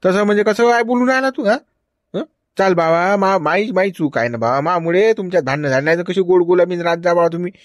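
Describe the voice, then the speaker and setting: A man's voice: sits high, fast talker, no room sound, studio quality. A man in comic village banter, lecturing and chiding with frequent "hm?" prompts. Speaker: cartoon character voice.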